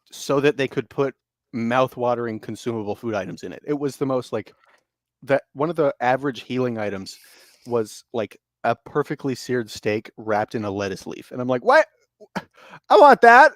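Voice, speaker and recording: A man co-hosting over an online call, excitable and prone to loud exclaimed asides. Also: mid-range voice, no room sound, studio quality. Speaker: podcast co-host. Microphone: remote call mic, cutting out.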